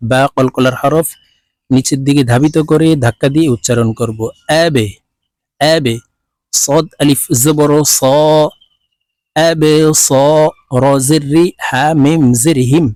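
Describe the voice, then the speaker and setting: A man with a Bangladeshi accent teaching Quran reading, spelling each word letter by letter and then chanting it slowly and drawn out. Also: medium pitch, a little mellow, dry recording. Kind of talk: spelling out and slowly reciting Quranic words in a lesson.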